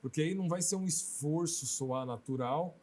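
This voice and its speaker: In an interview, a Brazilian man who directs films replies conversationally, sprinkling in brief quoted asides. He comes from Brazil outside Maranhão, and his voice is on the high side and darkish, at a normal speed.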